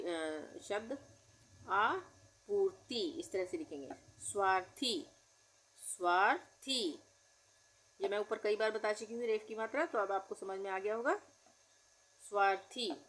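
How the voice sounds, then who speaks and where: A woman teaching difficult Hindi words, with an Indian accent, saying each word slowly and spelling it out patiently. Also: mid-range voice, breathy edge. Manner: patient, drawn-out word-by-word pronunciation. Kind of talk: slow spelling-out lesson.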